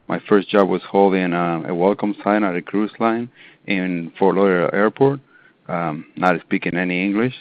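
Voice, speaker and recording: Deep-voiced man from Argentina, hesitant. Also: no echo. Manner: hesitant, with many ums and restarts. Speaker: interior designer guest. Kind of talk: casual interview answers. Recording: tinny phone-line audio.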